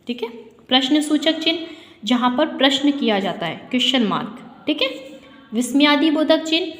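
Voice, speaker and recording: Slow-explaining woman teacher in an echoey room. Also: a little high. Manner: slow, deliberate explaining with rhetorical questions. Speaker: school teacher. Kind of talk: classroom grammar lesson. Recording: echoey room with long reverb.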